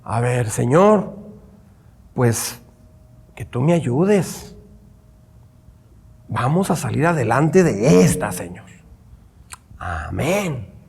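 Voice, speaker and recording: A man putting on a discouraged man who mutters a half-hearted prayer in a low, hesitant voice, in a church hall with a long echo. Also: sing-song, very slow, vocal fry, pauses often, a little mellow, husky, exaggerated voice. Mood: glum.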